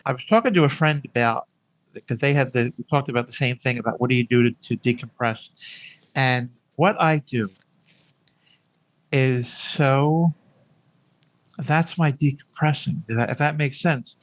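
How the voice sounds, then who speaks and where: Older male podcast guest, mid-pitched, reflective conversational delivery with halting repetitions. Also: dry recording, rough recording. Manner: hesitant, repeating words and phrases as he thinks aloud. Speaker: podcast guest, hospice nurse. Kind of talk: conversational interview.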